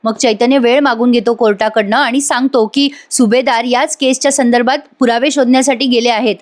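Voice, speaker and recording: Woman recapping a serial, higher voice. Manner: retells scenes, briefly voicing each character's lines. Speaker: serial episode reviewer. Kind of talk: voice-over episode recap.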